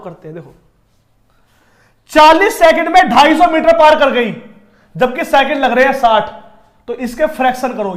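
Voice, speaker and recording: High-voiced chatty man teaching math. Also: a bit bright. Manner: chatty, addresses students directly, digresses into stories. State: sore throat. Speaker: online exam-prep teacher. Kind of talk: live online math class.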